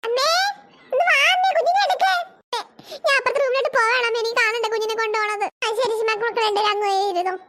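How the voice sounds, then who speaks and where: One woman voices an entire cartoon family of girls plus their mother, all in squeaky, sky-high tones and at a quick, chatty pace. She flips between shouty sibling bickering and soft cooing over babies, while a steady hiss from the noisy home recording runs underneath.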